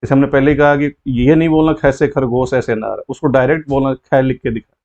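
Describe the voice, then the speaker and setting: A man's voice: mid-range voice, steady tone, fairly quick, a little mellow. Guy teaching a lesson, patient, keeps repeating stuff, kinda muffled lo-fi sound. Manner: patient, repeats key steps. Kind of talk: explaining a lesson.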